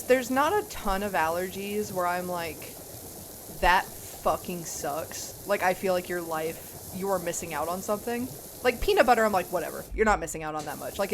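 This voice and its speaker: A young woman streaming a game, chatting casually with viewers in a chatty, giggly, animated way. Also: lowish voice, a little hiss or hum, poor audio. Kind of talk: casual chat while gaming.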